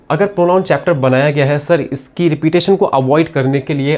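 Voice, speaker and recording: A man's voice: on the high side, a little mellow. Man teaching grammar, patiently repetitive. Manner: repetitive, asks and answers his own questions. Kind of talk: classroom lesson explanation.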